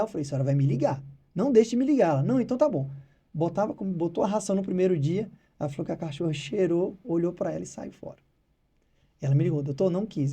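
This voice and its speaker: A man's voice: sits high, breathy edge. A man from Brazil, a veterinarian who is a father, telling stories in a casual interview and acting out his clients' voices. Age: adult with children. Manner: animated, acts out clients' voices. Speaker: veterinarian guest.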